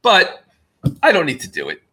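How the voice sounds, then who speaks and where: A man's voice: a little high, wildly swooping pitch, moderate pace, sharp tone, husky. A man being interviewed on a podcast, talking in a rambling, self-deprecating way with frequent restarts. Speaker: guest filmmaker. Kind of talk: casual podcast conversation.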